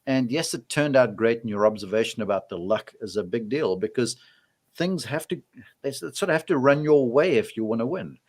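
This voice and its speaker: A man's voice: mid-range voice, animated, fairly quick. A man on a golf podcast, telling a long on-course story in casual chat and acting out the quoted exchanges.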